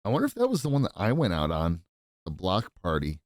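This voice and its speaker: A man's voice: low voice, huge pitch swings, quick pace, darkish tone, no room sound, clean studio sound. A man co-hosting a podcast in casual chat, rambling and swearing a lot. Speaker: podcast co-host.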